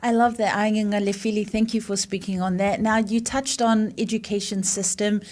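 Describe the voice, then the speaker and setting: A woman's voice: medium pitch, flat delivery, normal speed. Bilingual woman radio host. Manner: warm, affirming interviewer, switching between two languages. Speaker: radio breakfast show host. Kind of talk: bilingual radio interview hosting.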